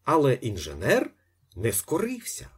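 Man, audiobook narration, slow, very lively pitch, husky. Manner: expressive, with lively pitch swings. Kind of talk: literary audiobook reading.

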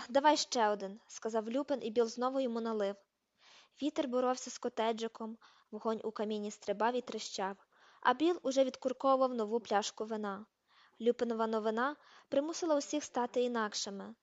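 A woman narrating an amateur audiobook, steady reading that even includes page numbers. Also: on the high side, quick pace, no echo, lo-fi sound. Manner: reads page numbers aloud. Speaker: audiobook reader.

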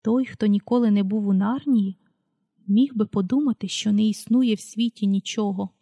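A woman reading a children's story aloud in a calm, unhurried way, calling out page numbers as she goes. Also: mid-range voice, breathy edge, no room sound, clean studio sound. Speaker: audiobook reader.

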